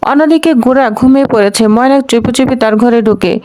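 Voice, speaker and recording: A woman's voice: high voice, quick pace, a little mellow. Woman narrating a serial story.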